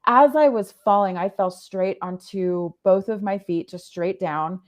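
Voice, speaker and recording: A woman's voice: medium pitch, lo-fi sound. A woman, a podcast guest, telling a personal story in earnest, often stopping to find the right words. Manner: earnest, halting, often stops to rephrase.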